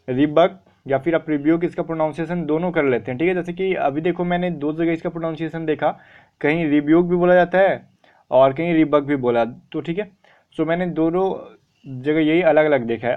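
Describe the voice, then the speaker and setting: A man's voice: a little high, muffled recording. A young man teaching vocabulary in a casual mix of Hindi and English, asking questions and answering them himself. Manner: chatty, repeats "theek hai", asks and answers his own questions. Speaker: online exam-prep vocabulary teacher.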